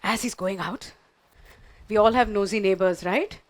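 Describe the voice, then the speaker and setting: A woman's voice: mid-range voice, moderate pace. A woman performing a playful story for a festival audience, acting out the characters with sudden shifts in voice. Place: festival stage before an audience.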